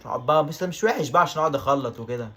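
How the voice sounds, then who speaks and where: Excitable fast-talking Egyptian man gaming. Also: medium pitch. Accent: Egyptian Arabic. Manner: excitable, repeats exclamations over and over. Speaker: gaming YouTuber. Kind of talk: let's-play commentary.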